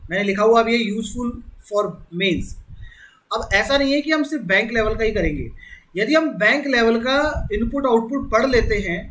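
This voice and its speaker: A man's voice: very high voice, animated, moderate pace, a bit bright, slight background noise, low-quality recording. A man teaching an exam-prep lesson, explaining step by step and repeating key words. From India. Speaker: reasoning teacher. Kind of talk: exam-prep classroom lecture.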